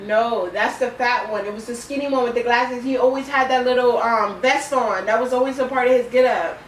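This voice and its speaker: A woman's voice: a little high, fairly quick. A young woman chatting casually and telling stories in a giggly, chatty way as co-host of a couple's video. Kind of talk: casual chat. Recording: echoey room, distant mic, faint noise.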